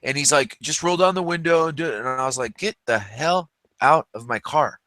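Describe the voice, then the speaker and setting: A man in his thirties talks loosely and at length, circling back with fillers and false starts. His voice is very bright and a little high for a man. The sound is dry and close. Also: a little fast, dry recording. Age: 30s. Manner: rambling, many fillers and restarts. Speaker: podcast co-host. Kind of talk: casual chat.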